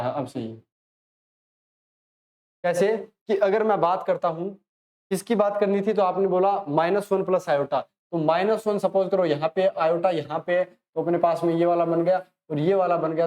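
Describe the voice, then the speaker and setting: Indian guy explaining maths problems, friendly, kinda high voice, pushes students to try first. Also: a little mellow. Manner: chatty, talks to students as if they ask questions; encouraging, urges students to pause and solve. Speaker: maths teacher. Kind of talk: online lesson, solving problems.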